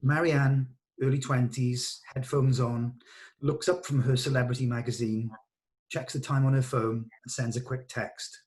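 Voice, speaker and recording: The recording is rough, and the man's mid-range, darkish voice has a flat delivery at a normal speed. He's directing an informal rehearsal in a hesitant, thoughtful, encouraging way. Most of it is casual discussion, with some stage directions read aloud.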